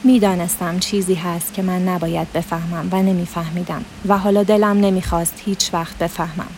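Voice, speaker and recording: A woman reading a literary story aloud as narrator, in a steady, measured manner. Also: lowish voice, a little hiss or hum.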